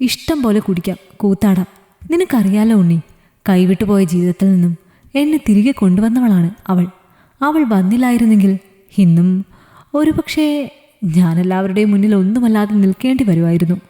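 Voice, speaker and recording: A woman's voice: mid-range voice, lively intonation, brisk, mellow, natural voice. A woman storyteller voicing a young man who pleads and jokes with his fiancée, in a reverberant room. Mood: earnest. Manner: pleading, joking. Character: young man, loving and gently teasing fiancé.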